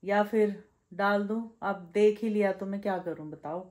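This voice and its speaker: A woman's voice: steady tone, moderate pace, darkish tone. Young woman, vlogger; chatty casual direct-to-camera talk, everyday mid voice. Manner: chatty, addresses viewers as bhai; lowers voice to avoid waking someone. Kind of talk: casual daily vlog chat.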